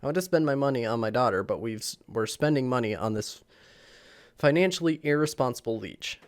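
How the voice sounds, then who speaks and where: Fairly quick and lively in intonation, his medium-pitched voice carries this casual vlog where a young host reads online posts aloud. He's a little sick, rambling and chuckling with plenty of fillers, recorded on a camera mic.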